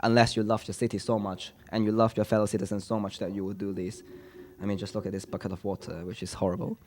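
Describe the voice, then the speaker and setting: A fairly low-voiced man from Hong Kong speaks on a discussion panel. He talks earnestly, often restarting phrases and filling pauses. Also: level tone, darkish tone, a little hiss or hum. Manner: earnest, with frequent restarts and fillers. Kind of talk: panel talk.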